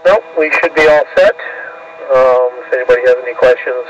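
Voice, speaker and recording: A man making a halting announcement with frequent ums, heard over a static-filled two-way radio. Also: mid-range voice. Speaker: radio club official. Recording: distant muffled radio with static.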